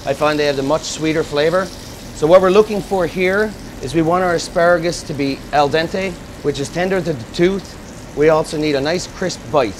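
Male executive chef, slightly high voice, lapel mic in a noisy restaurant kitchen. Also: normal speed. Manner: steady instructive step-by-step explaining. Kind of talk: cooking demonstration. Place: restaurant kitchen at a gas range.

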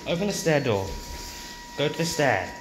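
His voice on the high side and sing-song at a normal speed, a young man casually narrates a lift ride for his amateur lift vlog. He films on a handheld phone in the lifts and lobby of a public building, where the recording picks up loud background noise and clicks.

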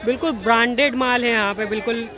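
A young man walks through an outdoor market, filming himself on a phone held at arm's length. He talks to his viewers in an upbeat, direct way, and his voice sits fairly high. A loud crowd fills the background. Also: steady tone, fast. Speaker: vlogger. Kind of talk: walking market vlog. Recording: loud street crowd behind.

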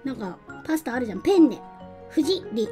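A game streamer with a high voice chats casually on a live stream, giggling as she reads out and thanks her viewers.

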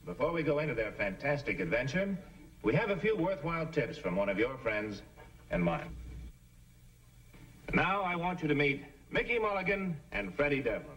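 An actor playing a middle-aged American local news commentator in a formal, measured 1950s television announcer style. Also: male voice, on the high side, very animated, a bit bright. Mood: formal, upbeat. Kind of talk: old-time 1950s television announcer delivery. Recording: distant-miked vintage TV soundtrack.

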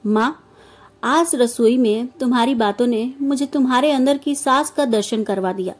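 Woman voicing a gentle young daughter. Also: on the high side, moderate pace, close to an everyday voice. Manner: soft, coaxing.

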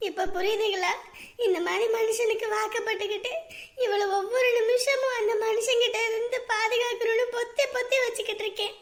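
A woman's voice: extremely high pitch, steady tone, fairly quick. An actress playing a middle-aged woman who angrily scolds her relative in a family drama. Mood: tearful. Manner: scolding, confrontational, tearful. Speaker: angry elder sister-in-law in a family drama. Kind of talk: web series drama acting.

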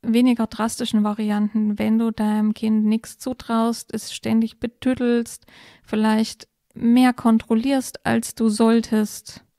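A woman co-hosting a podcast, calmly explaining step-by-step advice in a casual conversation. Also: on the high side, slow, no echo, studio quality. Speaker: podcast co-host explaining parenting topics.

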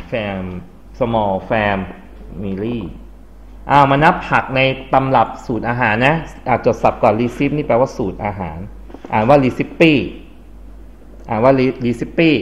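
A man's voice: mid-range voice, dull audio, slight background noise. Thai man teaching an English class. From Thailand. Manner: explains vocabulary, asks the class questions. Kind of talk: classroom lesson.

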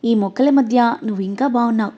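A woman's voice: fairly high pitch, fast, close to an everyday voice. A woman reading the lines of a playful, teasing young man in a story. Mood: cheerful. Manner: playful, coaxing. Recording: dull lo-fi audio.

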